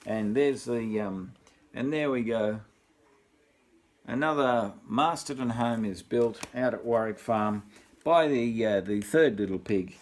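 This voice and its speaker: Slow and medium-pitched, a grandfather from Australia in his sixties or older reads a bedtime story informally. He rambles, cracks jokes, and circles back to the same lines with a deadpan touch.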